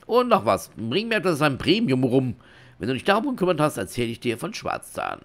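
A man reading game dialogue aloud in character as a shifty, smooth-talking male smuggler innkeeper, with theatrical, wheedling, mock-innocent delivery. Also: medium pitch, huge pitch swings, a little fast, pitched above the performer's own voice. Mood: sly.

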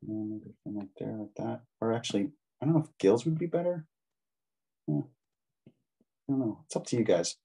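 A low-pitched man with a slightly husky voice leads a casual draw-along lesson. He talks in a chatty, encouraging way, with easy fillers and friendly asides to the children following along. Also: expressive, moderate pace, pauses often, dark tone. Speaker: drawing instructor.

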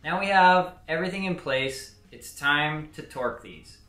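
This young mechanic host, in his twenties, uses a slightly high, bright, forceful voice at a normal speed. He guides viewers through a repair one step at a time, speaking plainly to the camera in his home garage workshop. The audio sounds roomy, and faint music runs behind him.

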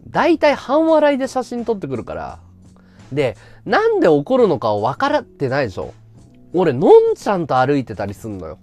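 A man live-streaming a casual chat, blunt and ranting, swinging from loud outbursts to low mutters. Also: wildly swooping pitch, normal speed, faint music behind.

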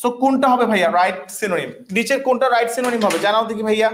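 A woman's voice: on the high side, very fast, a little hiss or hum. A woman teaching a vocabulary class, repeating each word and often checking that students understand. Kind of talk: online class lesson.

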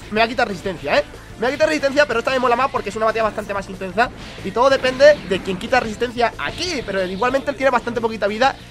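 Sick and coughing, a young man from Spain gives live commentary on his own online game match for his YouTube channel. His high-pitched voice carries a Spanish accent as he counts combos aloud, curses his own slip-ups, and talks in quick, excited bursts.

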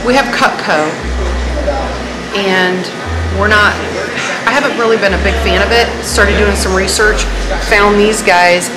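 A woman's voice: medium pitch, measured pace, long pauses, poor audio. Chatty woman recommending knives in a shop. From Ohio. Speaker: vlogger. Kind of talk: casual product chat. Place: large indoor butcher shop. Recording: store with loud background music.

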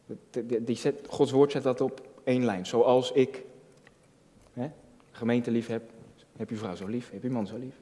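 A man's voice: mid-range voice, steady tone, normal speed, warm tone. A man preaching a sermon as a youth pastor, talking in a loose, conversational way with many restarts and then building to emphatic peaks. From Netherlands. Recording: long hall reverb.

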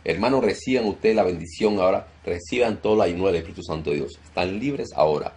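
A male pastor leading a deliverance prayer, loudly commanding and rebuking in a forceful preaching style. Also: deep voice, quick pace, slightly rough.

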